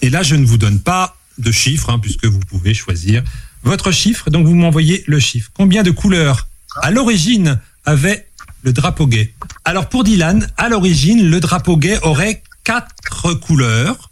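A man's voice: on the high side, animated, a little slow, husky. A man hosting a casual online quiz, playful and teasing as he reads out questions and answers. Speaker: quiz host.

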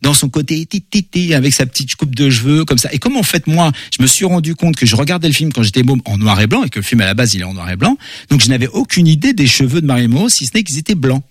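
Male comic author, quick, animated, filler-heavy casual talk, dry mic. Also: medium pitch, breathy edge, no room sound. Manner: animated, many fillers and repeated words. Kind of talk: casual interview chat.

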